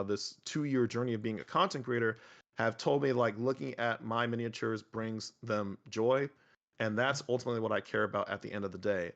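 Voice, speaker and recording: A young man chatting casually as a podcast guest, animated and rambling, full of fillers and restarts. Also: mid-range voice, gravelly, dull audio. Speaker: podcast guest, miniature painter. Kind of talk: casual conversational interview.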